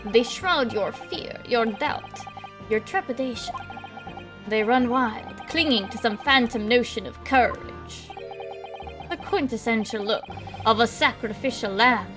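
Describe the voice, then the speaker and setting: A woman voicing a sinister, cold male prosecutor who talks in a slow, drawn-out, menacing way. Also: fairly high pitch, over music, close to an everyday voice.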